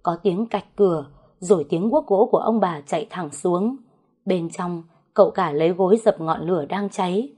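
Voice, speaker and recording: A woman's voice: lowish voice, moderate pace, dark tone, husky. A woman narrating a first-person family drama story, dramatic with sly asides.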